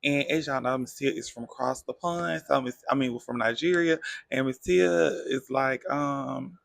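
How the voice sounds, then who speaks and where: Gravelly-voiced man dishing a reality recap. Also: medium pitch, moderate pace, no echo. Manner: chatty, animated retelling with quoted voices. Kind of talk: casual gossipy recap.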